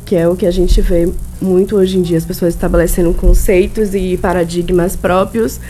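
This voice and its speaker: Lady lawyer on the radio, measured and articulate, faint hiss behind. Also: lowish voice, steady tone, dark tone. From Salvador, Bahia, Brazil. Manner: articulate and measured, formal wording. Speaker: lawyer and law professor, guest. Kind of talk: radio interview.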